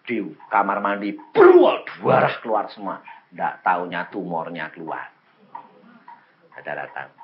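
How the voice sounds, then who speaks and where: An elderly man, preaching a sermon, dropping to quiet murmurs and rising to high excited cries as he acts out the people in his stories. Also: a little slow, pauses often, dull audio. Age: 70s. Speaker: pastor.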